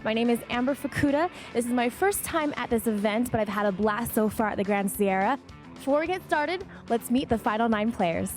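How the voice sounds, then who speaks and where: Lady introducing poker players for tv, cheerful, a bit high voiced. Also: animated, fairly quick, darkish tone, soft background music. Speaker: on-site presenter. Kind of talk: scripted broadcast introduction.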